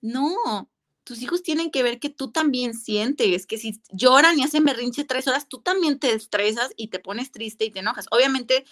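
A woman speaks as a guest, her voice sitting a little high. She talks candidly and reflectively, often restarting her sentences. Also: normal speed, fairly bright tone. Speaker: guest mother. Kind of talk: casual conversational interview.

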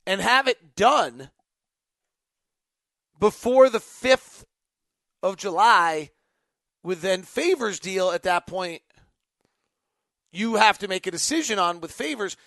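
A male sports podcast host with a high, slightly bright voice is recorded dry and close, with no echo. Answering fan questions in unscripted basketball talk, he thinks aloud off the cuff, his phrasing emphatic, choppy and fragmented.

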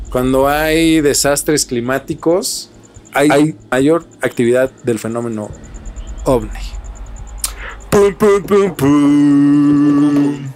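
A podcast host with a Mexican accent tells his stories conversationally, posing rhetorical questions as he speculates. His voice runs on the high side with a darkish tone.

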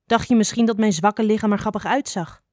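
A woman's voice: medium pitch, a little fast, darkish tone, dry recording, clean studio sound, natural voice. A woman voicing a prickly young girl snake who speaks directly and curtly, in a storybook reading. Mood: blunt. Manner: direct, curt.

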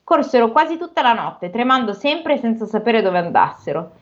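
A woman's voice: a little high, very animated, a little fast, muffled recording. A woman co-hosting a podcast, reading a fairy tale aloud and chatting about it playfully, sometimes tripping over words. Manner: playful, stumbles and chuckles over the text. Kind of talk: reading aloud with casual chat.

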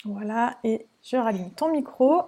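A woman hosting a webinar, introducing the next speaker in a friendly, halting way, with fillers. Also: on the high side, animated, dark tone. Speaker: webinar host.

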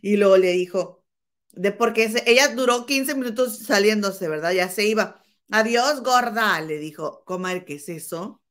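Animated woman dishing gossip. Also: medium pitch, normal speed. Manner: animated storytelling, acts out quoted insults, keeps saying "comadre". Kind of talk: casual celebrity gossip chat.

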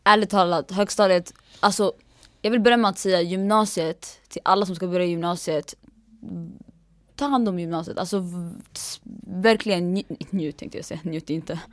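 A woman's voice: on the low side, steady tone, dry recording. A young woman talking emphatically in a casual chat, swearing and mixing in English words. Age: young adult. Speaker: guest.

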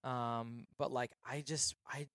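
A young man on a podcast, telling stories in a casual chat and acting out quick quotes as he goes. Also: mid-range voice, no echo, clean studio sound. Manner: animated storyteller, quick acted-out quotes.

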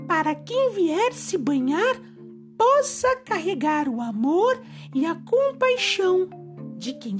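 A woman's voice: extremely high pitch, voice pushed up, full character voice. A woman voicing a sad, sweet young mermaid in a children's story, pleading politely.

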